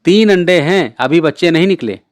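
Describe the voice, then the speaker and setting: A man plays a bossy older brother, scolding his little sister in a brusque, impatient tone. He pitches his voice above his natural one, keeping it on the high side yet close to everyday speech, with lively intonation and normal speed. The studio recording is clean and free of echo.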